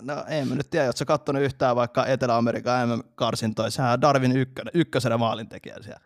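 Gravelly joking man in podcast banter. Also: medium pitch, steady tone, dry recording, clean studio sound. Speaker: podcast co-host. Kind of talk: casual chat, football quiz.

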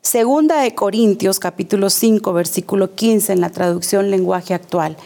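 A woman's voice: medium pitch, normal speed, gravelly, mellow. A woman preaching a sermon to her congregation, speaking emphatically, repeating key phrases and asking rhetorical questions.

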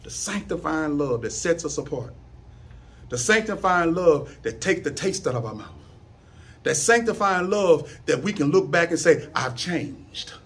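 A man preaching a sermon in a church, with a St. Louis accent, building from quiet talk to loud, sing-song calls. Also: on the high side, expressive, moderate pace, husky. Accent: St. Louis, Missouri.

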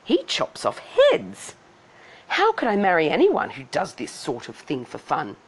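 A woman voicing a demanding, excitable young fairy-tale heroine in a theatrical, whining way. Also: low-pitched, unhurried, breathy edge, full character voice. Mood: indignant, dismayed.

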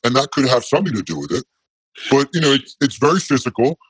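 A man's voice: medium pitch, sing-song, fast talker, slightly rough, no echo, low-quality recording. A man in his forties, a guest on a talk show, answering bluntly and casually through an electronic voice disguise. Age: 40s.

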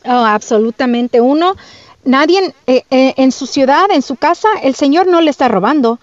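Woman lawyer, fairly high voice, dry slightly dull sound, mixes in English words. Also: animated, normal speed, no room sound. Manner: mixes in English words, explains legal terms. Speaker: lawyer guest. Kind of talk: casual radio chat.

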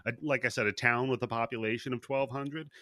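A man from Washington State hosting a podcast, telling the story in a casual, profane, animated way. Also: medium pitch, brisk, no echo, clean studio sound. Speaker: podcast host. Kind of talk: casual chat.

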